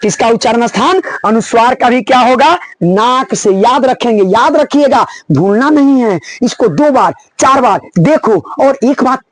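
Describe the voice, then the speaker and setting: A man teaching grammar for board exams, repeating each point and urging students on loudly. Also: very high-pitched, lively intonation, unhurried, few pauses, dry recording, poor audio. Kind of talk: board-exam lesson.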